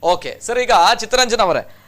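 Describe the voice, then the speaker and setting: High-voiced clear male news reporter. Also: very animated, moderate pace, bright, forceful tone. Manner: formal, repeats set phrases. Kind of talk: news report and phone interview.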